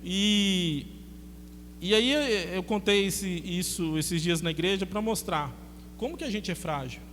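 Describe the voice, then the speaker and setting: A Brazilian pastor with a high-pitched voice, preaching in a chatty, animated storytelling manner and acting out conversations. His voice carries a long church-hall reverb. A faint hum sits underneath. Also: measured pace. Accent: Brazilian Portuguese. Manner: chatty, animated storyteller who acts out dialogue. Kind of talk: sermon with personal storytelling.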